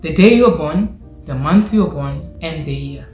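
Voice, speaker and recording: A young woman talks through an explainer vlog in a low, animated voice, asking lots of rhetorical questions. She is recorded in a small echoey room, with faint guitar music underneath. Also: unhurried. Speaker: vlogger.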